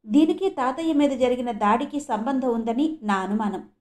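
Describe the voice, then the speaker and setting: A woman's voice: on the high side, lively intonation, normal speed, a little mellow, lightly acted. A woman voicing a fiery young woman who speaks urgently and pleads in a storybook reading.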